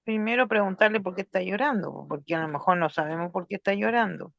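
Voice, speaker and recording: A participant in a training class, answering a question in a hesitant way with many pauses. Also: medium pitch, gravelly, fairly bright tone, no room sound, muffled recording. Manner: hesitant, many fillers and restarts.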